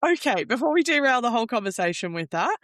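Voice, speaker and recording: A host speaking at a middle pitch into a dry, close microphone. The talk is loose and chatty, full of false starts and restarted phrases. The host asks broad, open questions in a relaxed interview. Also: fast talker, no echo. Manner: chatty, restarts sentences, casual swearing. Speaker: podcast host. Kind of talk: casual interview chat.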